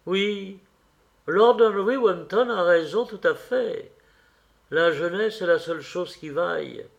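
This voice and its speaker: An anguished, vain young man, obsessed with staying young, pleads in a high, impassioned, theatrical voice, as a male audiobook reader puts him on. His slow delivery carries a gravelly edge. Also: dull audio, exaggerated voice.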